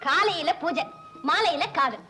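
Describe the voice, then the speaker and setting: A woman's voice: very high voice, expressive, a little slow, exaggerated voice. An actress playing a spirited young woman in an old film comedy, teasing and coaxing her bashful suitor. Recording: old film soundtrack with loud music.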